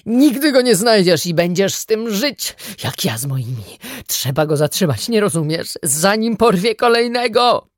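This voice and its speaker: A woman reading the part of a furious older man in an audiobook, shouting in desperate anger. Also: medium pitch, big pitch swings, normal speed, few pauses, dry recording, studio quality, voice pushed up, natural voice.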